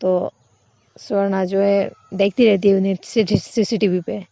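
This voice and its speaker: Gravelly woman narrating a love story. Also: medium pitch, little pitch movement, unhurried, dark tone, no echo. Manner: conversational, with filler links and restarts. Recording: dull, dry lo-fi recording.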